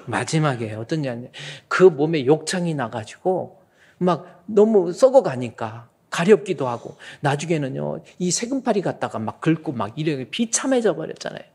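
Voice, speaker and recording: Folksy Korean pastor preaching a sermon. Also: male voice, mid-range voice, slightly rough. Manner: lively, folksy preaching, acts out quoted voices. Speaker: senior pastor.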